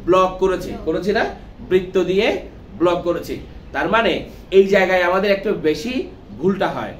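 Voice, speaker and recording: A man's voice: sits high, normal speed. A man teaching English letter pronunciation, quizzing his class with repeated questions. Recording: echoey room with faint noise.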